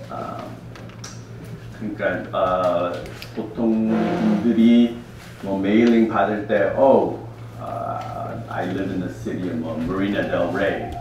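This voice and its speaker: Low-voiced Korean American man, echoey room. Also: darkish tone. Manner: halting, mixes English words into speech. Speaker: housing department staff presenter. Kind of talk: informal lecture. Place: large echoey indoor room. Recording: echoey room from far off, faint noise.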